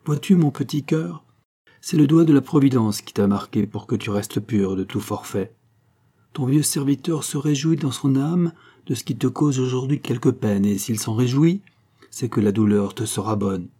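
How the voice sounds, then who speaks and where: A man's voice: medium pitch, normal speed, mellow, husky, voice pushed up, lightly acted. A man voicing an elderly male servant who speaks with fatherly, pleading tenderness in a storybook reading. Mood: tender.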